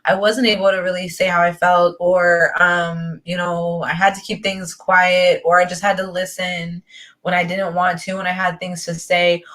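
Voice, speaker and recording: Speaking on spiritual coaching as a guest or host, a young woman reflects on her own life, rambling thoughtfully with many restarts and fillers such as "like" and "you know." Her voice is on the low side and a bit bright, with little pitch movement and a moderate pace.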